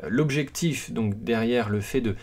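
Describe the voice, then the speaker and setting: This podcast host walks through a book's ideas casually and without a script, pausing and restarting often, using many fillers, and poking fun at himself. He speaks at a medium pitch with a slightly mellow quality.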